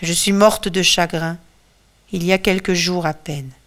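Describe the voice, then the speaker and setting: A woman's voice: lowish voice, fairly even intonation, measured pace, close to an everyday voice. A woman voicing a tender sorrowful ghost mother.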